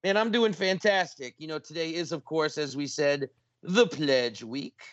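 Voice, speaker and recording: A man hosting a radio talk show, speaking with energy and emphasis as he makes a pledge appeal and spells out details slowly. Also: on the high side, a bit bright, dry recording, highs cut off.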